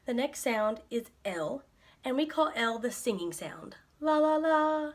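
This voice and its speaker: A woman's voice: on the high side, expressive, measured pace. A young adult woman working as a speech-language pathologist, explaining articulation cues and modeling each sound with short repeated syllables. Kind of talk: instructional explanation.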